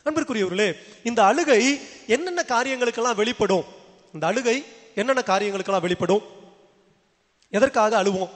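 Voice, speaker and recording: High-voiced priest preaching in a reverberant church. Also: male voice, expressive, normal speed, long pauses. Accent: Tamil Nadu. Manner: repeats rhetorical questions to the congregation. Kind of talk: sermon. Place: large church.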